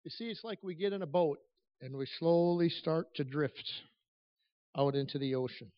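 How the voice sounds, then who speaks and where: A man preaching a church sermon at a pulpit microphone, earnest and emphatic, speaking in halting phrases that swell and drop in volume. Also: a little high. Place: large church room. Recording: echoey church PA, slightly dull.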